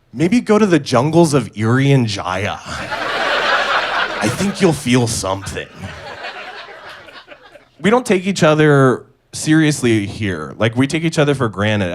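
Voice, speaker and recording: Deadpan man doing stand-up. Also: mid-range voice, measured pace, pauses often. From Indonesia. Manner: deadpan delivery of absurd punchlines to a laughing crowd. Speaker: stand-up comedian. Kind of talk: stand-up comedy set. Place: comedy club stage. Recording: live club set with clear audience noise.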